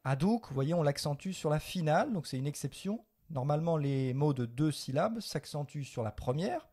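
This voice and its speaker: A man from France leads a living Latin lesson, switching between Latin and French as he explains. His voice is mellow, and he corrects mistakes patiently. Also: fairly high pitch, lively intonation, moderate pace, husky. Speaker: Latin teacher. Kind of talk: spoken language lesson.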